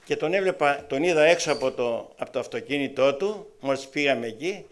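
Animated Greek preacher telling stories. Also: male voice. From Greece. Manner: animated storytelling with wide swings in pitch and loudness. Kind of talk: testimony sermon.

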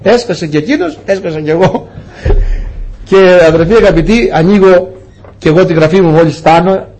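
A man preaching a sermon, telling stories and voicing the dialogue with big swings in pitch. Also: darkish tone.

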